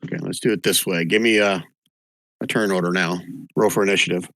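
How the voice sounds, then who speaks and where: A man with a fairly low voice serves as game master. He talks casually as he narrates and organises a tabletop game, and the sound is dry and close. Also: steady tone, brisk, gravelly, a bit bright, no room sound.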